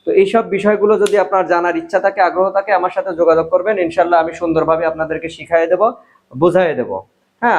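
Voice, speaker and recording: A man teaching an online language lesson, slowly repeating key phrases and asking and answering his own questions. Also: on the high side. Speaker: online Russian language tutor.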